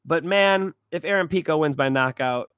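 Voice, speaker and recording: A young man runs through his fight predictions in a loose, rambling monologue, full of swearing and sudden bursts of excitement. His voice sits high and sounds bright and forceful. The recording is dry and close, with no room sound. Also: normal speed, smooth, no echo. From California. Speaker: host.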